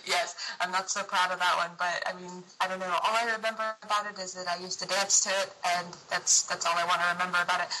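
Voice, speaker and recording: A woman's voice: lowish voice, fairly even intonation, moderate pace, bright, forceful tone, a little hiss or hum, rough recording. A young American woman, a guest singer-songwriter, chatting casually and giggling often between phrases. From United States. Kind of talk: casual interview chat.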